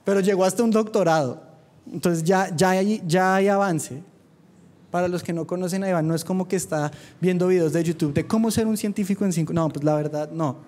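A man preaching to young people with a fervent drive. His voice sits high, and he mixes earnest appeals with quick, joking asides. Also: darkish tone. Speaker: youth preacher. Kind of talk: sermon. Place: church youth meeting.

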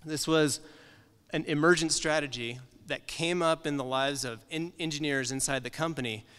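In a library meeting room with the sound of a large hall, a man in his thirties presents from slides at a conference, speaking casually with frequent ums and uhs. His voice is a little high, bright, clear and resonant, at a normal speed.

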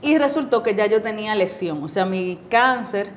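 A woman's voice: medium pitch, normal speed, slight background noise. A woman in her forties with a Dominican accent, a guest telling her story in a casual interview and acting out the voices of the people she quotes. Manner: lively storyteller who acts out quoted dialogue. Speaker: guest, cancer survivor.

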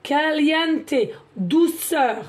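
A woman doing a chatty tarot card reading, often repeating herself and filling pauses. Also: high voice. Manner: chatty, repeats words, many fillers. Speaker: card reader, medium.

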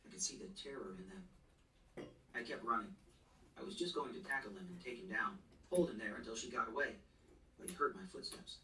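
A man's voice: on the low side, fairly quick, pushed and bright, a little hiss or hum. A man reading a novel aloud in the first person, in a tense, earnest storytelling manner. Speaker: audiobook narrator. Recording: roomy echo, distant mic, faint ambience.

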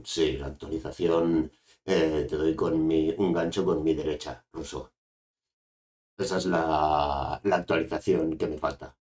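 A man voicing a nervous little male toy doll that stands in for the streamer, speaking quietly and repeating himself. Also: a bass voice.

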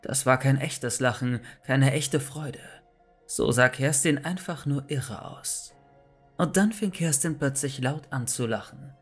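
A man reading a scripted horror story aloud, tense and dramatic, breaking into shouts when his character calls out. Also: mid-range voice, a little slow, soft background music.

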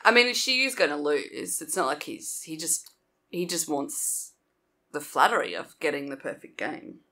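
A woman co-hosts a casual chat. Her voice sits a little low but moves very expressively, and she answers quickly. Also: expressive, sharp tone. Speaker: podcast co-host.

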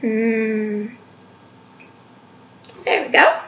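A woman's voice: a little high, big pitch swings, drawn-out words, a little hiss or hum. A woman, chatting through each step of a home cooking demonstration in her kitchen, recorded on a webcam across the counter. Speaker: library cooking show host. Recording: echoey kitchen, dull lo-fi webcam sound.

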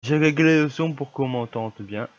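A young gamer with a cold narrates his gameplay in casual, grumbling commentary, coughing, his medium-pitched voice slightly stuffy and at normal speed. He gets easily annoyed at lag, and the recording is muffled with slight background noise.

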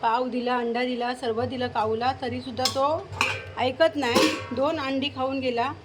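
A woman's voice: sits high, steady tone, normal speed, over loud music. A woman chatting casually to camera at home while coaxing and calling out to a crow. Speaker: vlogger.

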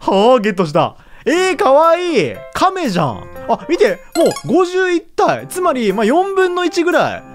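A woman giving casual let's-play commentary, chatty and excitable, laughing often as she reacts. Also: high voice, normal speed, few pauses, faint music behind. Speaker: gaming YouTuber.

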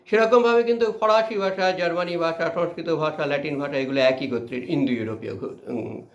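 A man's voice: fairly high pitch, a little fast, roomy sound. A man teaching a literature class, reading a passage aloud and then explaining it line by line with frequent fillers. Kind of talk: line-by-line text explanation lesson.

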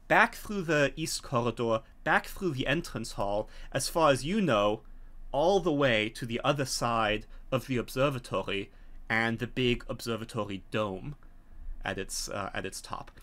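The same kind of scene: a middle-aged game master runs a tabletop horror session on a home video call, speaking deliberately and pausing often. His medium-pitched voice carries lively intonation and a slight brightness.

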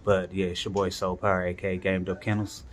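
Deep-voiced and flat, and talking a little fast, a handyman vlogger who also works as an HVAC technician walks viewers through a home fix using slang and informal catchphrases. He's indoors at home next to air-conditioning equipment. The sound comes from a handheld phone behind the camera, noisy and clicky.

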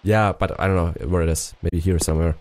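Low-voiced man muttering through a game. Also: steady tone, a little fast, darkish tone, dry recording. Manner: mutters to himself, swears casually. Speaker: streamer playing a puzzle game. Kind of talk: casual live-stream commentary.

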